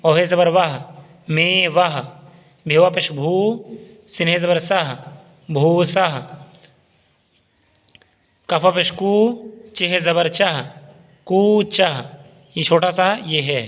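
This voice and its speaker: A man's voice: sits high, fairly bright tone, long reverb tail. A man teaching a beginner's Urdu reading lesson, spelling out each word syllable by syllable and adding short explanations. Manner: slow, syllable-by-syllable recitation with brief explanations.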